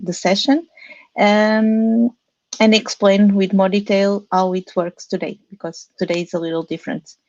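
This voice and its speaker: A woman's voice: on the low side, darkish tone, muffled recording. A woman welcoming people to an online community session as host.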